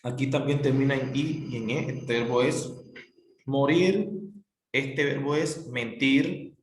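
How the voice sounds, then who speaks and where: A man with a medium-pitched voice teaches grammar at a slow pace, patiently repeating himself and spelling letters out one by one. It's a recorded classroom explanation in an echoey room, with slight background noise.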